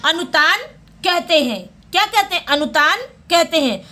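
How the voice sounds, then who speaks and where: A woman teaching a Hindi exam lesson, going through questions and repeating each answer back as a quick question and reply. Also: very high voice, lively intonation, sharp tone, a little hiss or hum.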